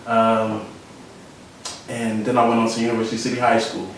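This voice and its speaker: A man's voice: on the low side, monotone, normal speed, slight background noise. A young man from Philadelphia with a Philadelphia accent, talking reflectively about his life in a casual interview, often repeating phrases. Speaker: interviewee, photographer. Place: studio room. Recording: echoey room, mic at a distance.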